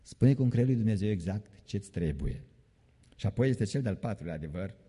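A man's voice: on the low side, expressive, dark tone, husky. A man preaching an evening sermon in a church, emphatic, repeating key phrases and joking mockingly. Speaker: pastor. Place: church sanctuary. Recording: long reverb of a church hall.

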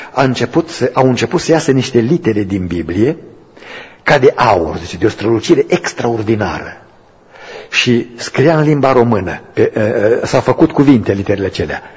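Husky-voiced preacher in a reverberant church. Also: male voice, medium pitch. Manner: storytelling that builds to loud, emphatic preaching. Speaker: pastor. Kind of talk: sermon. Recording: muffled, echoey church hall recording.

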